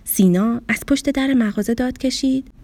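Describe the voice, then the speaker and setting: A woman's voice: fairly high pitch, background noise. A woman narrating a storybook for children and speaking affectionately to young listeners. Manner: warm, affectionate sign-off to kids. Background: music.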